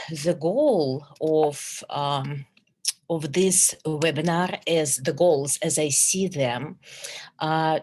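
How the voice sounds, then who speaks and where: This middle-aged Russian woman, a psychologist, speaks with a Russian accent and a voice that sits low. She gives an earnest, measured webinar presentation over a video call, full of fillers and restarts.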